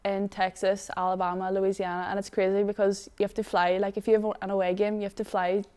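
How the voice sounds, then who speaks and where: A woman's voice: medium pitch, level tone, fast talker, a little mellow, smooth. A woman in her twenties from Northern Ireland with a Derry accent, chatting casually as a footballer in an interview. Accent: Derry, Northern Irish. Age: 20s. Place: studio.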